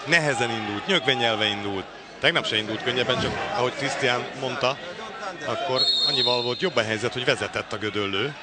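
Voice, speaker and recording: A man giving excited live futsal commentary with wry, joking asides. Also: mid-range voice. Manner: excited, shouting as attacks build. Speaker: sports commentator. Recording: loud crowd and hall noise. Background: crowd, ball bounces, slams.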